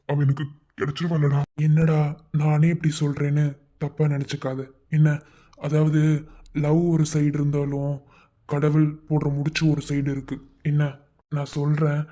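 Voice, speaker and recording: A man's voice: on the high side, mellow, muffled recording, natural voice. A man voicing a blunt young man in a cartoon who lectures his lovesick friend, in a Madurai Tamil accent. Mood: reassuring. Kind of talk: animated cartoon voice acting.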